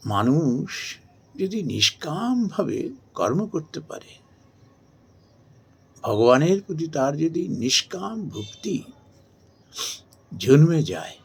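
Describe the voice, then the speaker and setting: A man giving a slow, measured devotional talk and chanting verses. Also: fairly high pitch, creaky, breathy edge. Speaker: spiritual speaker.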